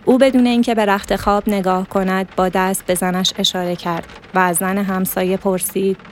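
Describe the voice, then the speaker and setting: A woman reading a literary story aloud as narrator, in a steady, measured manner. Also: medium pitch, slight background noise.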